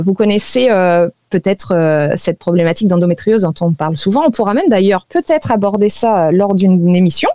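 A woman with a slightly high voice talks through nutrition research as a radio guest. She explains at length in a chatty, conversational way, pausing often on small fillers. The sound is dry and close, with no room around it. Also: a little mellow, dry recording. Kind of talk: radio health talk.

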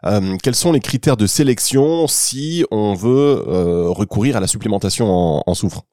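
A man's voice: lowish voice, animated, normal speed, dark tone, no echo, clean studio sound. A man hosting a radio interview, chatty and bantering with his guest. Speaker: radio host.

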